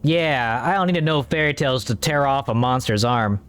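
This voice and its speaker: A man's voice: mid-range voice, moderate pace, a bit bright, soft background music. A man streaming a story game, talking in a rambling, offhand way and swearing casually. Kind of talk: casual let's-play commentary.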